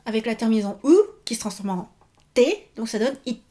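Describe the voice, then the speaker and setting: A woman's voice: a little high, brisk, warm tone. A woman teaching Japanese verb forms in a video lesson, patiently repeating each example.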